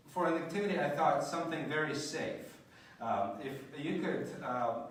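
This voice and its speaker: A man's voice: mid-range voice, a little hiss or hum. A middle-aged man from Ukraine giving a friendly, joking conference keynote with frequent fillers in a large auditorium. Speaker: keynote speaker. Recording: very echoey hall from far off.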